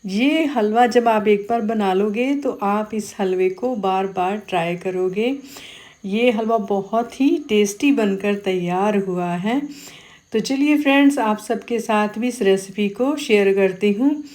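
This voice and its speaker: A woman's voice: medium pitch, slow, a little mellow. A woman with a sore throat hosting a cooking channel, chatting casually through a recipe with many fillers and self-corrections. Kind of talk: casual cooking tutorial narration.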